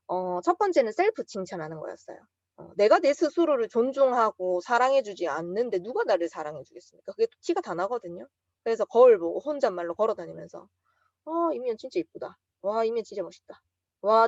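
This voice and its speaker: A woman's voice: mid-range voice, no room sound, highs cut off. A woman with a Busan accent giving a motivational seminar talk, telling stories from her own experience. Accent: Busan Gyeongsang. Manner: lively storytelling, acts out quotes with bursts of emotion.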